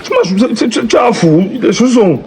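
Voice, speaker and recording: Comic sketch: a man plays an excitable Cameroonian brother, high and animated in pitch, over background music. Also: normal speed. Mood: accusing. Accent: Cameroonian French. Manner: repeats commands, swings between pleading and shouting. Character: excitable man defending his brother, trying to calm a quarrel. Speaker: actor in a comedy sketch.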